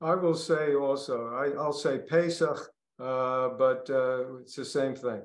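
An older man with a Brooklyn accent, a podcast guest speaking reflectively with pauses and restarts. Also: medium pitch, fairly even intonation, reverberant. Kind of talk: podcast interview.

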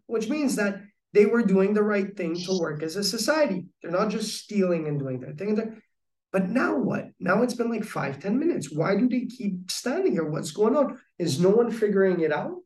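A man's voice: high voice, a little mellow, roomy sound, distant mic. A man telling a personal story of recovery in conversation, earnest and reflective, with many restarts.

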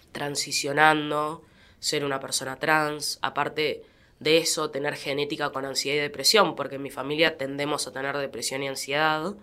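A young adult woman with an Argentine accent, speaking as an interview guest in a quiet, reflective way with fillers and restarts. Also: sits low. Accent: Argentine Spanish. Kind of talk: personal testimony in a podcast interview.

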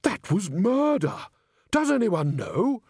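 A man voicing a fussy older man who has just become a ghost, in a high, startled and indignant voice. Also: big pitch swings, takes it slowly, darkish tone, husky, dry recording, studio quality, full character voice.

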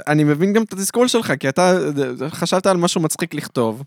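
A man's voice: sits high, expressive, no echo, studio quality. A man co-hosting a podcast, chatting casually, candid and joking at his own expense. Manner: candid, self-mocking humor. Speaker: podcast co-host. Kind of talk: casual chat.

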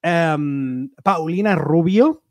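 A man with a Mexican accent hosting a casual celebrity gossip chat, lively and talkative. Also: a little high, drawn-out words, dry recording. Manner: chatty, lively, reads viewer messages aloud. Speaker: show host.

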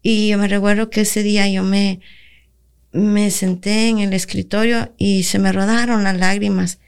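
A woman's voice: medium pitch, little pitch movement, a little slow, gravelly, a little mellow, clear, resonant tone. A woman pastor with a Latin American Spanish accent giving an earnest testimony on a church radio program, acting out her own prayers as she tells the story.

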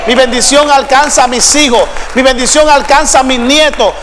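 A male pastor preaching a sermon, swinging between shouted declarations and sung lines. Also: very high-pitched, fairly even intonation, normal speed, long reverb tail, a faint crowd, a little hiss or hum. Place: church sanctuary.

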